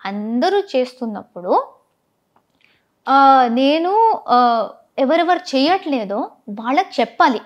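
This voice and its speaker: A woman's voice: sits high, sing-song, slow pace, long pauses, lo-fi sound. A woman giving an interview as a former reality show contestant, recounting events emphatically and indignantly, often switching into English phrases.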